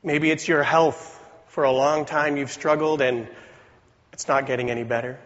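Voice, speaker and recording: A man with a voice weakened by a cold, preaching a sermon in an earnest, deliberate way with rhetorical questions. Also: a little high, fairly even intonation, a bit bright. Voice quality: weak voice from a cold. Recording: dull recording in reverberant hall.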